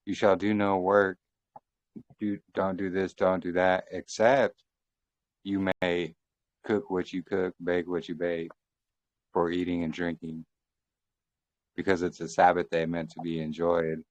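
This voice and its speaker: A man with a very low voice comes through a thin, fading call line. The sound is dull and dry, with no room around it. He explains at length in a casual study-group chat, quoting verses and restarting his phrases. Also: level tone, a little slow, pauses often, dry recording. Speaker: Bible study group member.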